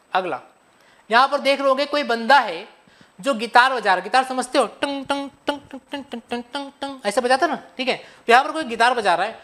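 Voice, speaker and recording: A man's voice: very high-pitched, sharp tone. A young man giving a playful physics revision lecture, often asking his students questions and answering them himself. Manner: playful, calls students buddy and kids. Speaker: physics teacher.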